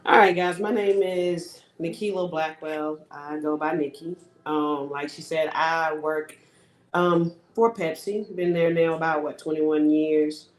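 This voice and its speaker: Low-voiced slow-talking woman guest. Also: echoey room, low-quality recording. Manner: relaxed, slow, hesitant with "um". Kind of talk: casual chat.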